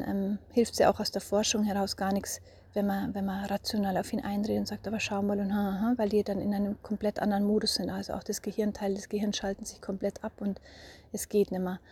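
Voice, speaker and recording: A mother in her thirties talking through her parenting experience in a thoughtful way, often pausing to find her words. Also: mid-range voice, warm tone, breathy edge. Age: 30s. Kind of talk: casual spoken monologue.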